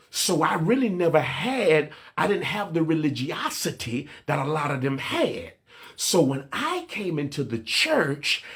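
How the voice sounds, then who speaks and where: A man's voice: on the high side, fairly bright tone. A male pastor preaching a livestreamed sermon, talking in street slang and repeating phrases as he builds his points from his own life. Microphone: livestream mic.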